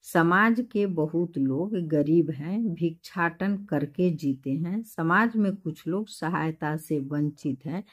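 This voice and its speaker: A woman teacher reading out textbook questions and dictating the answers slowly and carefully. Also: deep voice, slightly rough. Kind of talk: explaining textbook answers to a class.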